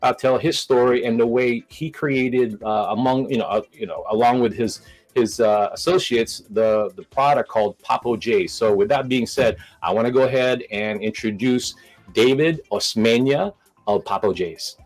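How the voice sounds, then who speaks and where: A man's voice: mid-range voice, normal speed, soft background music, poor audio. A man hosting a live stream, talking casually with many restarts and a nervous laugh.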